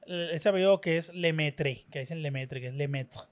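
A man's voice: fairly high pitch, brisk. A young Colombian man co-hosting a podcast in a studio, teasing his friends and swearing casually. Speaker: podcast co-host. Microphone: studio podcast microphone.

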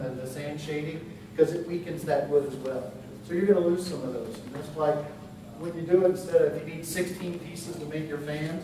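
A man answers audience questions at a woodworking class in a large conference room, easygoing and practical. He is recorded from far off, and his voice rings around a very echoey hall. Clear room noise sits underneath. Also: a little high. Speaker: woodworking instructor. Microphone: far camera.

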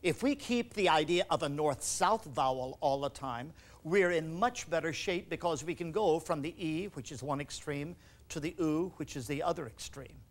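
A man leading a choral workshop, coaching singers with quick commands and questions. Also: a little high. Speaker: choral conductor teaching a workshop. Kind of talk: instructional workshop talk.

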